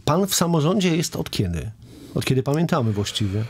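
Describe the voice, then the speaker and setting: A middle-aged male radio host speaks quickly with a slightly husky, higher voice. He cuts in briskly and steers the guest with leading questions, close to the studio desk microphone. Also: sing-song.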